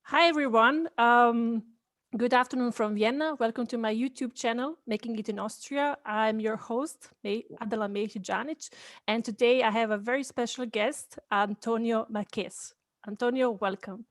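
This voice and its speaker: A woman's voice: a little high, moderate pace, no room sound, studio quality. A woman from Bosnia, not an English speaker, hosting an interview show and asking questions casually with affirming hums. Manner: friendly, frequent affirming hums. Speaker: host.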